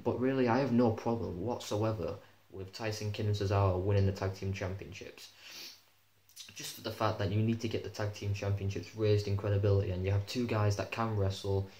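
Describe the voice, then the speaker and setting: A man's voice: on the low side, mellow. Chatty young man reviewing wrestling. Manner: chatty, opinionated, swears freely. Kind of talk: casual review vlog. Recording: echoey room with faint hum.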